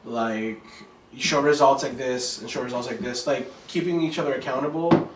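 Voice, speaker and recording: A man from Maryland, a guest on a podcast, speaking in a relaxed, loose way with many fillers. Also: mid-range voice, normal speed, roomy sound, far from the mic, very noisy. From Maryland, USA. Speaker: podcast guest, remodeling business owner. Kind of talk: casual interview chat.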